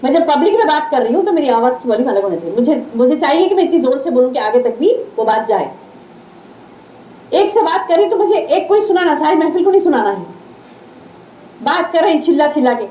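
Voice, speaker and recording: High-voiced woman giving a religious talk. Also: big pitch swings, fast talker, mellow, slight background noise. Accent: Deccani Urdu. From India. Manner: conversational, repeats key phrases. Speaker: religious teacher. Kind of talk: Islamic lecture. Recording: roomy, slightly dull hall recording.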